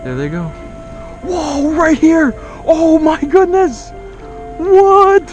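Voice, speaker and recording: A young man born in Kansas and raised in Oklahoma vlogs excitedly from a kayak on the open sea, filmed by an action camera mounted on the boat. He speaks slowly with lively intonation, letting out breathless, awed exclamations that often rise high. The audio is lo-fi, with soft music in the background.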